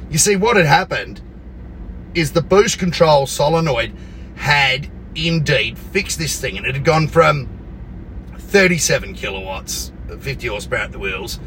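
A man's voice: a little high, animated, a little slow, a bit bright, a little hiss or hum, rough recording. An Australian man telling a casual workshop anecdote, blunt, sweary and sarcastic, acting out the dialogue as he goes. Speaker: car workshop owner and storyteller.

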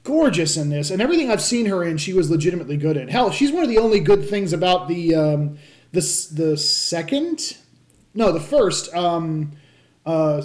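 Casual movie podcast host, woman, lowish voice, chatty recaps with fillers and laughter. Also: big pitch swings, normal speed, a little mellow. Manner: recaps plot with frequent fillers and self-corrections; laughs often. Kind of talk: casual movie review chat.

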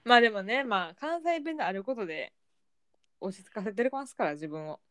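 Fast-talking Kansai woman, lively voice. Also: medium pitch, smooth, no room sound, studio quality. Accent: Kansai Japanese. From Kansai, Japan. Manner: fast-talking, expressive reactions. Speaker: podcast co-host. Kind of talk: casual chat.

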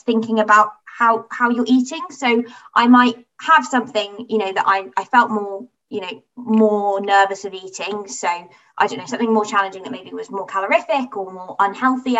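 A woman's voice: medium pitch, steady tone, moderate pace, a bit bright, recorded from a distance, lo-fi sound. A woman, a guest in a conversational interview, speaking candidly and reflectively and voicing her past thoughts aloud.

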